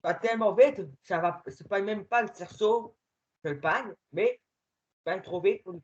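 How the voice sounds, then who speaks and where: A man giving casual gaming commentary while playing with a friend, excitable and swinging between muttering and shouting. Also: high voice, measured pace, muffled recording.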